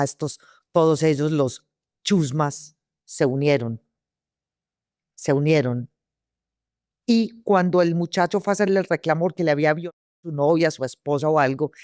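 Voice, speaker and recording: A woman's voice: low voice, fairly even intonation, fairly quick, a little mellow, no room sound, studio quality. A Colombian woman telling her story as an interview guest, vivid and full of restarts and repeated words. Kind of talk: personal testimony in an interview.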